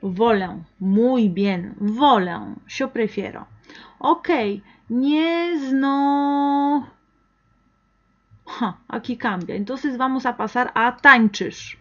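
A woman teaching an online language lesson, who talks slowly and patiently and waits for the learner to answer. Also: medium pitch, husky. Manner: slow, patient, encouraging, with pauses for the learner to answer. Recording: dull, lo-fi recording.

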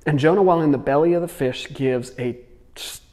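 A man preaching a short video sermon, retelling a Bible story in a lively, dramatic way. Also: on the high side, fairly quick, in a large hall. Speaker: pastor.

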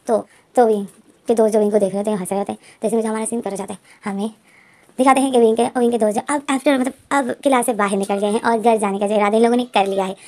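A woman's voice: on the high side, fairly even intonation, racing, darkish tone. A woman casually retelling a fan fiction story in a chatty way, full of fillers and restarts.

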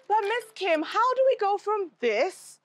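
A woman hosting a children's educational show, gasping with wide-eyed excitement as she asks questions. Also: very high voice, measured pace, noisy background. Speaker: kids' show host. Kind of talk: bubbly children's educational presenting.

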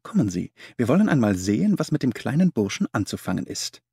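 A man playing a composed, clever detective in a storybook reading. He speaks in a measured, assured way with a lively, varied melody. The sound is close and dry. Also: mid-range voice, gravelly, slightly rough, no room sound, exaggerated voice. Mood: calm, confident. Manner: measured, gentle, self-assured. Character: calm, clever male detective, self-assured. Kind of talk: audiobook character voice.

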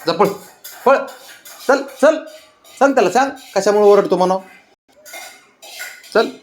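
A man's voice: high-pitched, a little slow, a little hiss or hum. A man chatting with his pet cats at home in a coaxing, teasing baby-talk manner. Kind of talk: casual talk to pets. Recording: echoey room.

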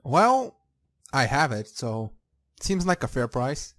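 A man's voice: medium pitch, very animated, takes it slowly, fairly bright tone, no echo, studio quality. A man giving casual, sweary playthrough commentary, reacting aloud as he plays a game. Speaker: gamer. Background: game music.

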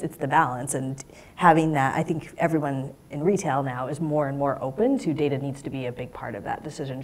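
A woman's voice: a bass voice, darkish tone. A woman in her thirties speaking as a panelist in a lecture hall on a lapel mic, thoughtful and gesturing as she explains. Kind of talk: panel discussion.

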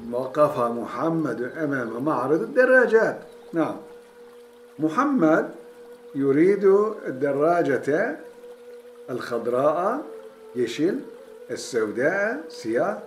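A man's voice: mid-range voice, echoey room, slight background noise. A man with a Turkish accent teaching an Arabic text, reading each word, then translating and repeating it patiently.

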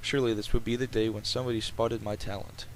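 A man's voice: lowish voice, flat delivery, fast talker, poor audio. Casual man reading aloud over background noise. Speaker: let's player reading a visual novel aloud. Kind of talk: reading game text aloud with casual asides. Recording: clear background noise, game ambience.

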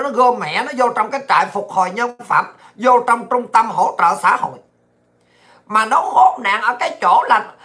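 A woman delivering angry political commentary, ranting abusively and often shouting. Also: a little high. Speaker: political vlogger.

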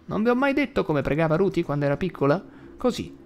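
A man reading an audiobook voices a petulant, bossy old grandmother in a shrill, scolding voice. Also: big pitch swings, fast talker, creaky, a little hiss or hum. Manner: shrill, scolding, bursts into shouting.

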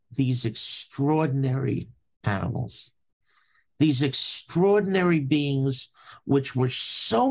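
An older man from Brooklyn, a professor telling a story from his childhood in a podcast interview, slow and deliberate with dramatic pauses. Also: mid-range voice, vocal fry, a little mellow. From Brooklyn, New York. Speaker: anatomy professor, guest.

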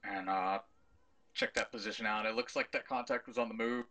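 A man speaking as a commander in a military simulation game, giving measured, matter-of-fact tactical instructions. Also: on the low side, steady tone, bright, forceful tone. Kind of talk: tactical briefing in game chat.

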